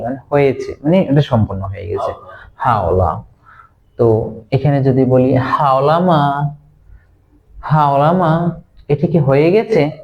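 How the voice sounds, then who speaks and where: A man teaching a language class casually, repeating words slowly as he drills them. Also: medium pitch, lo-fi sound. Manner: slow and repetitive, drilling words.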